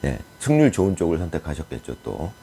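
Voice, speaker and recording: Guy with a deep mellow voice rambling through political commentary, lots of ums and pauses. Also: wildly swooping pitch, vocal fry, slight background noise. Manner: musing and speculative, with frequent hesitations and fillers. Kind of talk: casual political commentary monologue.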